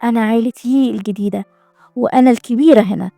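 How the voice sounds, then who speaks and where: Spiteful schemer girl, as a narrator puts her on, egyptian accent, gravelly and dry. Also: on the high side, fast, warm tone, dry recording, faint music behind. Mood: furious. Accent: Egyptian Arabic. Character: spiteful ambitious young schemer woman.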